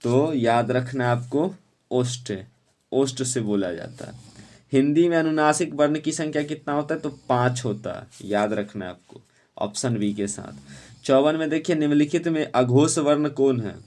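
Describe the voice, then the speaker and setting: A man teaching an exam-prep lesson, quizzing students and urging them to answer quickly. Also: medium pitch, expressive, a little mellow.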